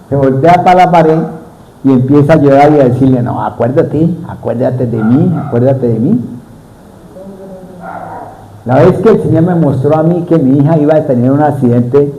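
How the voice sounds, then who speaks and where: A man's voice: fairly high pitch, mellow, slight background noise, low-quality recording. Preacher man, questioning. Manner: asks the congregation questions. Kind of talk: sermon.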